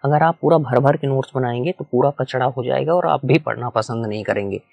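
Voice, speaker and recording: In a small room with a whiteboard, a man gives a lecture, explaining step by step, repeating key points, and asking the class questions. His medium-pitched voice is fairly quick, a little mellow, with vocal fry.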